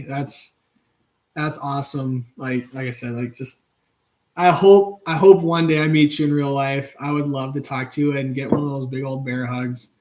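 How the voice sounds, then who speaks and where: A man in his thirties hosts a casual live stream, talking loosely and warmly to viewers. He rambles and restarts often, with plenty of fillers. His voice sits at an ordinary middle pitch. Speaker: channel host.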